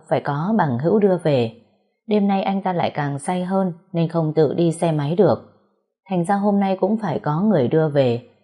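A woman narrating an audiobook story in a steady, expressive reading voice. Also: deep voice.

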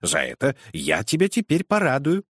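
A man voicing a gruff, teasing old male godfather in a storybook, speaking low and mock-grumbling. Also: huge pitch swings, moderate pace, dry recording, studio quality.

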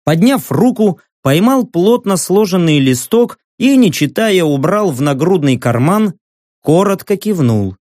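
Expressive male audiobook narrator. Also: high voice, unhurried, no room sound, studio quality. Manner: expressive, lively reading. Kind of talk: scripted first-person audiobook narration.

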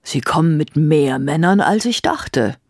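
Easygoing, doting king, played by a woman reading the story, courteous and gentle. His voice drifts a little higher than hers, with lots of lift in it. It is read close and dry, storybook style. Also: expressive, unhurried, no echo, full character voice. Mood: mild, concerned. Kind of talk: audiobook character voice.

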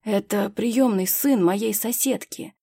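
A woman's voice: mid-range voice, slow pace, gravelly, warm tone, husky, no echo, clean studio sound, heavily acted. A woman voicing a male museum owner speaking with emphatic reproach in an audiobook. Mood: sad. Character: older male museum owner, sad then indignant.

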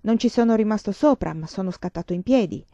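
A woman's voice: medium pitch, fast talker, dark tone, dry recording, close to an everyday voice. A woman voicing a mischievous teenage schoolboy who answers with mock politeness. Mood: cheeky. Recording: dull, dry lo-fi audiobook recording.

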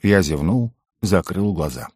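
A man reading an audiobook in calm, even storytelling narration. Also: low-pitched, measured pace, husky, no echo, clean studio sound. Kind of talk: scripted narration.

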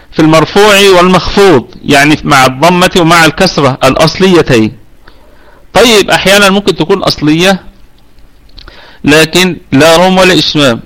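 Man, Egyptian Arabic accent, tajweed teacher, slightly high voice, patient, self-correcting, live online class. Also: fairly bright tone. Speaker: Quran recitation teacher.

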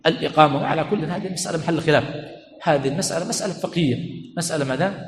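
A man gives a religious lesson in a hall with long echo. His voice sits a little high and he talks quickly. He keeps pausing on "what?" so the class finishes each phrase. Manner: keeps asking "what?" and has listeners finish the word, repeats key phrases. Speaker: religious teacher. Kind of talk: Islamic study lesson. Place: mosque learning center hall. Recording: echoey hall, faint room noise.

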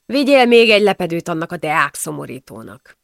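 Woman doing a curt healer guy, storybook reading, low-ish gravelly voice, dry close sound. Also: sing-song, no room sound. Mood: scornful. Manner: gruff, blunt questioning. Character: brusque man, an 18th-century village healer.

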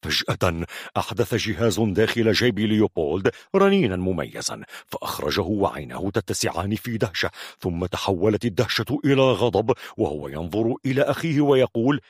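A man narrating a thriller audiobook with a husky voice and dramatic delivery. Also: on the low side, very animated, a little fast, dry recording, clean studio sound. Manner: dramatic, varied storytelling delivery.

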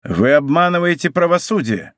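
Stern male police commissioner, voiced by a man, interrogating, slightly raised pitch. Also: big pitch swings, moderate pace, a bit bright, no echo, clean studio sound. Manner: interrogating, accusing. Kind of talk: audiobook character voice.

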